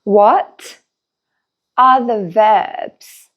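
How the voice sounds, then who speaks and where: A woman teacher leads a beginner English lesson. She speaks at an extremely slow pace and pauses between every word. The sound is a little dull and lo-fi. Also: medium pitch. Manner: slow, clear, deliberate drilling with long pauses.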